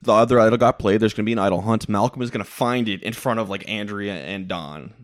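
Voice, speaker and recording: A man co-hosting a podcast, recapping reality TV in casual, animated chat with frequent laughs. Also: fairly low pitch, fast talker. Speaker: podcast co-host.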